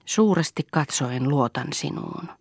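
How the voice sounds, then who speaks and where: A woman's voice: sits low, lively intonation, a little mellow, husky, no echo, studio quality, full character voice. A woman voicing a firm, cool-headed wife in an audiobook, speaking earnestly and with a moralizing tone. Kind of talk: audiobook character reading.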